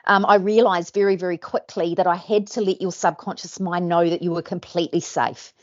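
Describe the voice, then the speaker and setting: A woman's voice: on the low side, fairly even intonation, fairly quick, lo-fi sound. A woman, a hypnosis trainer hosting, chatting in an upbeat, encouraging, coaching way. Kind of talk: casual interview chat.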